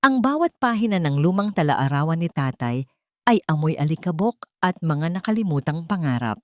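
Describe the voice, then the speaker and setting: A woman narrates a dramatic story in a low, grounded voice, measured and steady. The recording is close and dry, with no room sound or echo.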